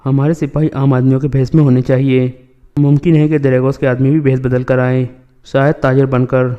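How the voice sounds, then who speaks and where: Guy reading a stern chief giving orders, flat and mellow. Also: medium pitch, clean tone, highs cut off, faint music behind, natural voice.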